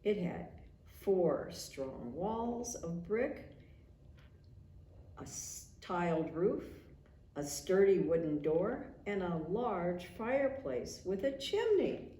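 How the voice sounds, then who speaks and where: A woman narrating a children's storybook in a slow, unhurried read-aloud. Her pitch moves expressively through each line. The recording has a noticeably echoey room sound. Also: sing-song, dark tone, far from the mic.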